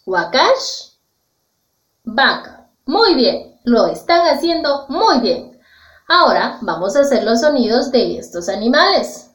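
Slow, high-voiced teacher woman. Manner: slow, carefully enunciated, repeats words for pupils to echo. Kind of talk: children's language lesson. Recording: echoey, dull lo-fi room sound.

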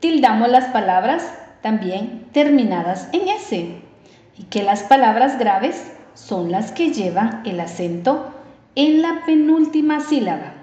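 Lady teacher, super slow, draws out every example word, echoey and a bit muffled. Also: on the high side, sing-song, warm tone. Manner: slow and deliberate, stretching out example words. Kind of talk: recorded distance-learning lesson. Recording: roomy, slightly dull sound.

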